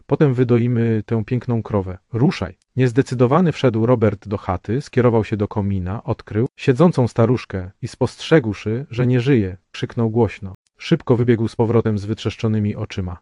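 A man reading a novel aloud in a measured, solemn narration. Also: fairly low pitch, warm tone, no echo, studio quality. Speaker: audiobook narrator. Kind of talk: scripted narration.

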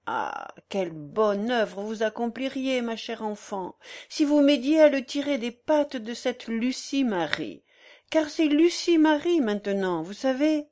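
A scheming old countess, effusive and insistent, pitched high and lively as she coaxes and pleads, read by a woman narrator. She speaks slowly, leaning on each appeal, louder than the narration around her. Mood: coaxing.

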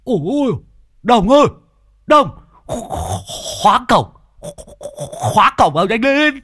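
A man's voice: fairly high pitch, a little slow, dry recording, voice pushed up, close to an everyday voice. A man voicing a panicky, scar-faced village man who stammers and pleads. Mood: panicked. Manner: stammering, frantic.

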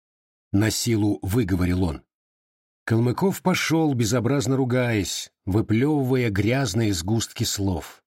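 Husky male audiobook narrator. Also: fairly low pitch, darkish tone, no echo, clean studio sound. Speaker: audiobook reader.

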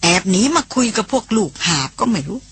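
A woman's voice: mid-range voice, animated, a little fast, fairly bright tone. A woman voicing a protective older brother in an audiobook, blunt and scolding yet soothing. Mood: stern brotherly. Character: protective older brother, gruff but gentle, teasing. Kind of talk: audiobook character voice.

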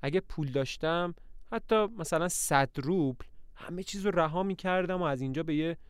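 A man's voice: fairly high pitch, clear, resonant tone, no echo, studio quality, pitched above the performer's own voice, close to an everyday voice. A man reading aloud voices an earnest, tense young woman who runs the household.

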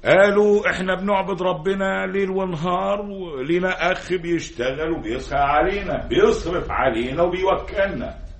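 An Egyptian village preacher. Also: male voice, high voice, normal speed, vocal fry. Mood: earnest. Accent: Egyptian Arabic. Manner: storytelling, exhorting. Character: kindly village sheikh preaching to children. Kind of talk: 1960s Egyptian radio drama acting. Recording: echoey, from far off the mic.

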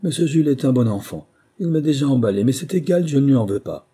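A man's voice: on the low side, brisk, warm tone, slightly rough. A man voicing a nervous petty criminal, slangy and ingratiating, in a storybook reading. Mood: relieved, eager.

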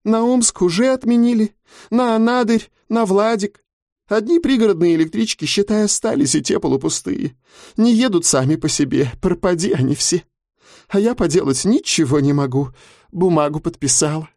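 A man voicing a grumbling female spirit of parting who complains in a high falsetto, in an audiobook. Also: normal speed, darkish tone, no room sound, clean studio sound.

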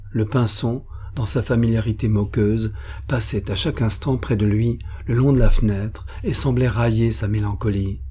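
A man narrating an audiobook of a classic novel, measured and expressive. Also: mid-range voice, husky.

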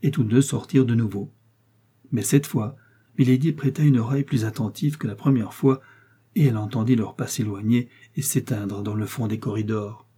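A man narrating a classic novel as an audiobook, in a measured, dramatic reading. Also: medium pitch, fairly even intonation, dark tone, husky.

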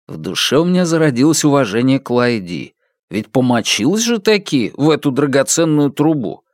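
A man reading a literary novel aloud as an audiobook narrator, in an expressive manner. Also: mid-range voice, normal speed, no room sound, clean studio sound.

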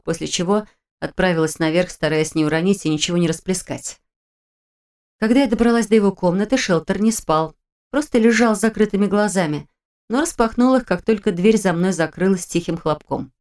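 A woman reading a first-person fantasy audiobook in a measured, expressive way. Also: on the low side. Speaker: audiobook narrator.

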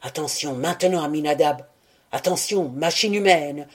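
A woman's voice: low voice, moderate pace. A woman voicing an anxious, obsessive male scientist in an audiobook, with an urgent and intense delivery. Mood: tense. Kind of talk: audiobook character reading.

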